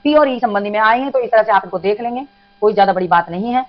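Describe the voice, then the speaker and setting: A woman's voice: medium pitch, quick pace. A woman teaching an exam-prep Hindi grammar lesson, patiently repeating examples and addressing students as children. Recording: dull lo-fi sound with mains hum.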